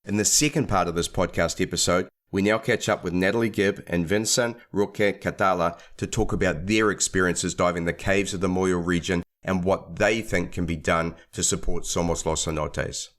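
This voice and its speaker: A man's voice: low voice, steady tone, normal speed, hardly any pauses, fairly bright tone. A man hosting a podcast, chatting in a friendly, upbeat way with his guests. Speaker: podcast host. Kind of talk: casual interview chat.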